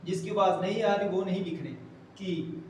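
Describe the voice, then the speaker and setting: A man with a high voice walks through a shorthand lesson, patiently repeating each word slowly as he writes. The sound is roomy and echoey, picked up from some distance with a faint hiss underneath. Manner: patient, repeats words slowly while writing. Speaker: shorthand teacher. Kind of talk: step-by-step tutorial explanation.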